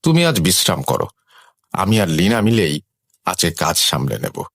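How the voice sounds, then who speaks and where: A man's voice: low-pitched, huge pitch swings, moderate pace, dry recording, full character voice. A man voicing an older mother-in-law who kindly tells her daughter-in-law to rest, in an audio horror story. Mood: caring. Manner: soft, caring.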